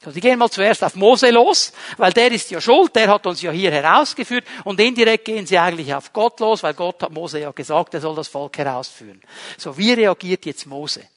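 A high-pitched man delivers a lively sermon. He throws rhetorical questions at his listeners and shifts between loud emphasis and quiet, hushed lines. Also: a little fast. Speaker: preacher.

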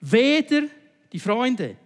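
A man preaching a sermon, swinging between loud emphatic lines and quiet low passages and often turning to the listener with short checking questions. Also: sing-song, extremely slow, long reverb tail.

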